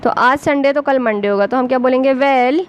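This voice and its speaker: A woman with an Urdu accent teaching a basic English lesson to beginners. She speaks slowly and patiently, spelling words out letter by letter. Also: high voice, clean tone, muffled recording.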